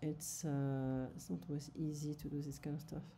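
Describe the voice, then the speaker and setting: A woman's voice: low voice, little pitch movement, normal speed, dark tone, a little hiss or hum. A woman French tutor going over a lesson summary for her student, explaining in French and then repeating it in English.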